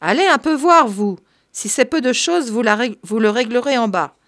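A woman's voice: a little high, expressive, moderate pace, fairly bright tone, dry recording, studio quality, pitched above the performer's own voice. A woman voicing an aging, complaining female housekeeper with a whiny, scolding manner.

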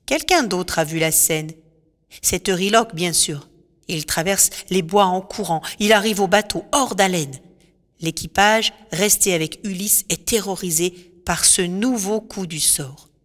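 Low-voiced woman narrating a storybook. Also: a little slow. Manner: clear, expressive reading. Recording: long reverb, faint music.

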